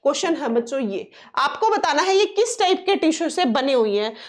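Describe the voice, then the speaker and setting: High-pitched woman teaching a science lesson. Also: sing-song, a little fast. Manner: repeats key terms, asks and answers own questions; coaxing, reassuring tone toward students. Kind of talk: exam-prep science lesson.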